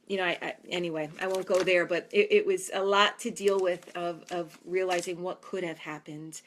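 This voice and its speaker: A woman's voice: mid-range voice, a bit bright. A woman in her forties with a New York accent, a fitness trainer talking earnestly and chattily in a vlog. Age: 40s. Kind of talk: casual vlog talk.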